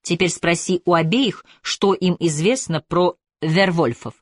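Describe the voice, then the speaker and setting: A woman's voice: fairly low pitch, unhurried, no room sound. A woman voicing a haughty police superintendent. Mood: curt. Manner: curt, haughty commands. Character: stern arrogant male police superintendent.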